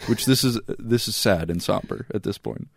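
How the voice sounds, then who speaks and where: A man co-hosting a podcast in casual comedic chat, joking and laughing as he pitches absurd ideas. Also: moderate pace, gravelly, no echo, clean studio sound. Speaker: podcast co-host.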